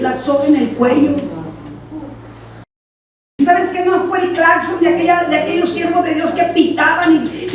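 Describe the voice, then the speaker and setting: A high-pitched woman pastor preaches a lively sermon. She acts out the voices in her anecdotes. She is picked up from a distance, with heavy church reverb around her. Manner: animated preaching, acting out voices in quotes. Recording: echoey church from far off.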